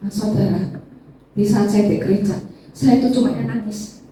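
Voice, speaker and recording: A woman's voice: steady tone, normal speed, dark tone, a little hiss or hum. Woman giving a tearful church testimony. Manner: addresses listeners as "saudara", acts out tearful prayers in a high voice. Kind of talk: emotional testimony sermon. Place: church hall. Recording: echoey church hall, distant mic, faint ambience.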